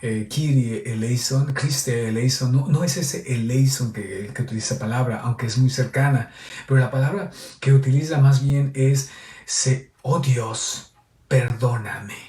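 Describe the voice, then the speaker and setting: A man's voice: mid-range voice, steady tone, moderate pace, warm tone. A priest giving a homily on a Gospel reading in a teacherly way, often checking in with his listeners. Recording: echoey, voice heard from a distance.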